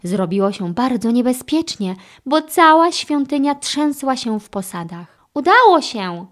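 Lively woman reading a children's story. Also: a little high, measured pace. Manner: expressive storytelling. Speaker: audiobook narrator. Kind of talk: children's audiobook narration.

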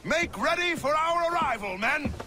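An actor playing a weathered ship captain in a video game, shouting commands to his crew. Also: very high-pitched, animated, moderate pace, a little hiss or hum, full character voice. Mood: commanding. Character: weathered male ship captain barking orders at sea. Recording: loud game music, crowd and waves.

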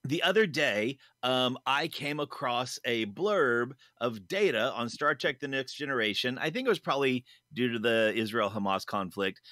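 A man's voice: medium pitch, lively intonation, normal speed, few pauses, sharp tone, no room sound, clean studio sound. A man co-hosting a casual podcast chat, upbeat and rambling with lots of fillers. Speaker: podcast co-host.

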